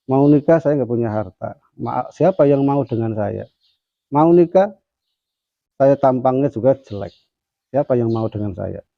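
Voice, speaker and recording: A man voicing a shy, poor young male student who speaks haltingly. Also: mid-range voice, expressive, creaky, dry recording, dull audio. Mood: bashful. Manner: hesitant, halting.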